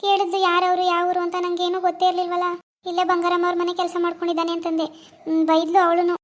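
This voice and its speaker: A woman's voice: extremely high pitch, monotone, very fast. [name], a woman playing an anxious girl. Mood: worried. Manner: pleading, worried. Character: young village woman, timid and anxious lover.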